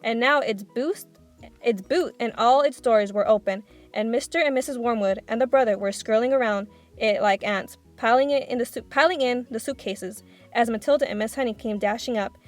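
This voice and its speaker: A woman reads from a children's book, telling the story expressively at a moderate pace in a voice that sits on the high side. Faint music plays in the background.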